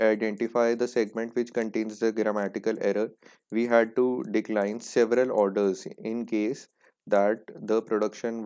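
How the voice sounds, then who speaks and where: A man teaching an exam prep lesson in casual Hindi-English, explaining patiently and reading English examples slowly. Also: fairly low pitch, darkish tone, clean tone. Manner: explains patiently, repeats "ठीक है" often.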